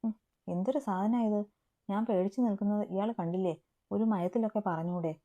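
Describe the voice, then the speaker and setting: A woman voicing a timid but sharp-tongued young student who grumbles and stammers, in a storybook reading. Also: mid-range voice, steady tone, a little fast, highs cut off, close to an everyday voice. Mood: grumbling.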